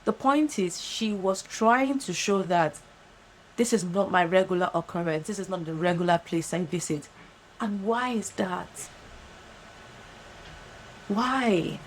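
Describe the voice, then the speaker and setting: Woman host, Nigerian accent, animated and emphatic casual monologue. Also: mid-range voice, measured pace, pauses often, a little hiss or hum. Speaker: podcast host.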